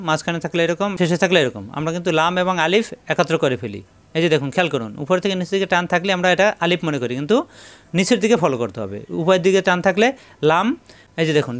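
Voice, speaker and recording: A man teaches Quran reading. He explains patiently and step by step, repeating each syllable slowly in drills and telling his viewers to take note. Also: sits high, expressive. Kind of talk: step-by-step recitation lesson.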